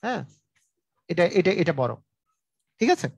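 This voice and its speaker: A man with a high voice teaches fractions live, going over each rule again and again and stopping to ask whether viewers follow. The sound is dry and close, with no room around it. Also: sing-song, a little slow, creaky, breathy edge, no room sound. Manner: repetitive, drilling explanations with frequent check-ins; colloquial, speaks directly to viewers. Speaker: math teacher. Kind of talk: live online math lesson.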